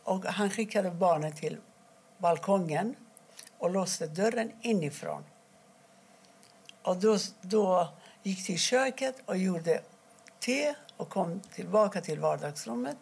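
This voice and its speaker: Gravelly husky-voiced woman telling her story. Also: fairly low pitch, lively intonation, darkish tone. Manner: halting, with restarts and quoted dialogue. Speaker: interviewee. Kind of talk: personal account in an interview.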